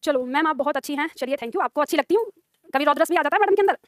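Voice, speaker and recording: A woman's voice: high-pitched, very fast, dry recording, studio quality. A woman teaching Hindi, chatting to her class and online students with frequent laughs. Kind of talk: live classroom lesson chat.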